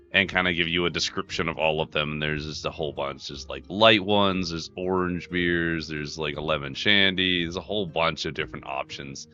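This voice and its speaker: A man's voice: low-pitched, pushed and bright, highs cut off. A man narrating casually as game master of a tabletop game, describing scenes in a conversational way. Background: background music.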